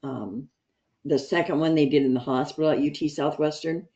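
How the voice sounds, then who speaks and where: A woman telling a lively story in a support group over a video call, acting out what people said. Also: deep voice, moderate pace. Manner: animated, acts out quotes. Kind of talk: casual storytelling. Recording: dull video call audio.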